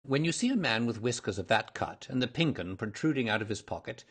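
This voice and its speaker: Guy doing a clever gentleman detective for an audiobook, smooth talker, polite, very self-assured. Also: medium pitch, animated, brisk, voice pushed up. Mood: amused, musing. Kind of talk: audiobook character voice.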